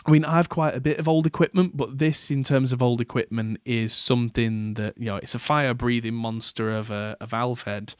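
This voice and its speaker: A man's voice: medium pitch, steady tone, a little fast, hardly any pauses, clear, resonant tone, dry recording, studio quality. A man hosting a podcast, talking casually in a rambling way with plenty of fillers and restarts. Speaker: podcast host. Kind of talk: casual chat.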